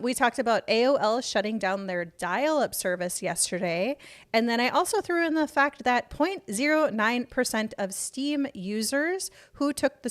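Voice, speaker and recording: A woman streamer reacting to the day's news in casual chat, rambling and swearing heavily whenever she gets passionate. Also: a little high. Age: adult parent. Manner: rambling, heavy swearing, fired-up rants.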